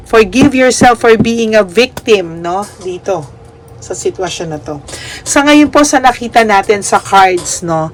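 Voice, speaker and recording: A woman giving a tarot reading, gentle and reassuring, mixing Tagalog and English and checking in with "no?". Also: mid-range voice, slight background noise. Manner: gentle, reassuring, ends phrases with "no?"; mixes Tagalog and English, polite "po". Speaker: tarot reader.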